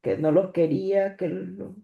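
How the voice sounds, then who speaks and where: A woman giving a personal religious testimony in church. She speaks haltingly, stopping and repeating words as she goes. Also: lowish voice, steady tone, creaky, narrow, tinny audio. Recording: echoey church room.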